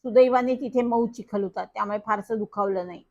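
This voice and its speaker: A woman narrating a children's story in the first person, in a lively, animated way. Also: a little high, a little fast. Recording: dull lo-fi recording.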